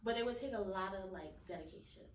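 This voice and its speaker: A woman's voice: medium pitch, fast. A woman from Hawaii co-hosting a casual podcast chat, teasing, emphatic and swearing freely, laughing often. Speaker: podcast co-host. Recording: roomy, distant mic with faint noise.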